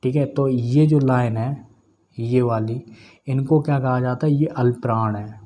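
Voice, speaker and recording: Man, teacher, mellow warm voice, step-by-step explaining, repeats terms, drills syllables, faint background hiss. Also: medium pitch, fairly even intonation, a little slow. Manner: explains step by step, often adds "okay friends". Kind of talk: exam-prep grammar lesson.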